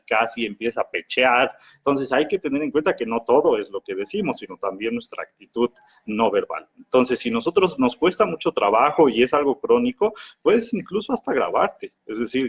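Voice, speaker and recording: A man with a Mexican accent talks through practical advice on anger in a lively, explanatory way. His voice has a husky, slightly rough edge, and his pitch sits in an ordinary middle range. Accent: Mexican Spanish. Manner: lively, acts out imagined quarrels in other voices.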